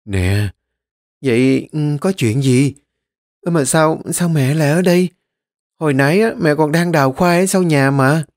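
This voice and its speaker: A man voicing a frail elderly mother in an audiobook, speaking in a soothing, unhurried way. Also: a little high, darkish tone, no echo, clean studio sound, pitched above the performer's own voice, natural voice. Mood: puzzled. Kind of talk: audiobook character reading.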